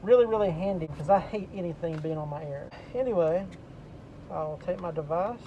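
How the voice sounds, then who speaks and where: A man with a fairly high voice speaks through several layers of face masks, so his words come out muffled. He talks in a plain, matter-of-fact way, walking the viewer through each step, while vehicle noise hums clearly behind him. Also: moderate pace. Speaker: delivery driver vlogger. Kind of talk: casual vlog talk to camera. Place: inside a parked delivery vehicle. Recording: noisy vehicle ambience.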